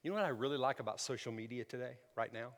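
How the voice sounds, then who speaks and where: A man in his sixties preaching a sermon, swinging from loud emphatic lines to soft near-whispers and asking for amens. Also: medium pitch, racing. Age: 60s. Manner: repeats words and asks the crowd for amens. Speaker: pastor. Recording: long hall reverb.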